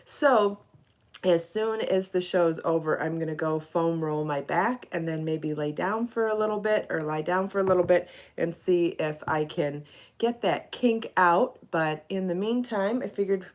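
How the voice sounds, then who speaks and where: On her live podcast, a middle-aged knitting and crochet designer greets viewers by name in relaxed conversation. Her fairly low voice is unhurried and a little stuffy from allergies.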